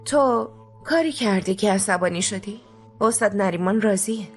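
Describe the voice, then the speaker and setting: A woman's voice: mid-range voice, soft background music, lightly acted. A young woman dubbing a studious daughter in a TV drama, defensive and pleading with her mother. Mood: earnest. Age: young adult. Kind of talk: dubbed TV drama.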